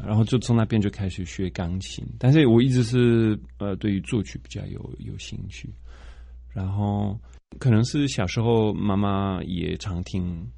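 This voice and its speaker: Deep, mellow foreigner speaking halting Mandarin, male. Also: creaky, no room sound. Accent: foreign-accented Mandarin. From Belgium. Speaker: interview guest, film composer. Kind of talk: casual interview.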